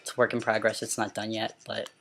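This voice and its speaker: An amateur vlogger with a mid-pitched, androgynous voice, speaking casually and stumbling now and then over words. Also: level tone, fairly bright tone, faint music behind. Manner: halting, stumbles over words and repeats them when reading. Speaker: amateur video blogger. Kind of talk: casual question-and-answer vlog with some read-aloud passages.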